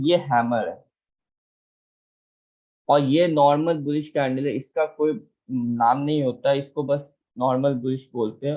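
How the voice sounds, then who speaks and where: Man teaching a trading lesson, tinny sound. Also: on the high side. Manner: patient, repeats key terms and checks for confusion. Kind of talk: explaining a chart lesson. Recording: tinny phone-like audio.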